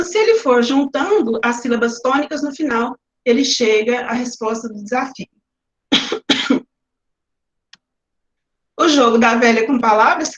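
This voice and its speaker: A Brazilian woman teacher with a high voice walks through her classroom activities step by step in an online lecture. Her call audio sounds roomy and a little muffled. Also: fairly bright tone. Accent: Brazilian Portuguese. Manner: explains step by step with examples.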